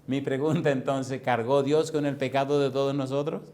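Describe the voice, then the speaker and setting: A male pastor preaching a sermon, firing rapid questions at his congregation and slowing down to stretch key words for emphasis. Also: medium pitch, level tone, dark tone. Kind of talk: preaching sermon with call-and-response. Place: church congregation.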